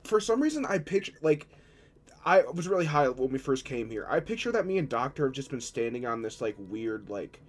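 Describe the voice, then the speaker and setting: A man's voice: mid-range voice, very animated, fairly quick. A man playing a tabletop game in casual chat, sounding stoned, with a rambling, profane stoner manner. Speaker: tabletop roleplaying player.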